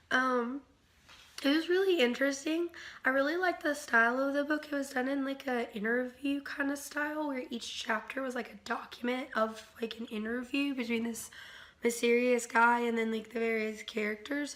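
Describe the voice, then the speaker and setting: A woman whose bright, slightly high voice is still worn from a recent illness gives a casual book review. She rambles, with plenty of "um"s and "like"s and animated asides.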